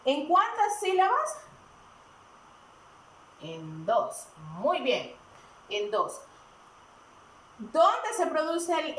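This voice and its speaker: Slow, high-voiced woman teacher. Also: a bit bright. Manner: slow and deliberate, asks and answers her own questions. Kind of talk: recorded grammar lesson. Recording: echoey room, mic at a distance.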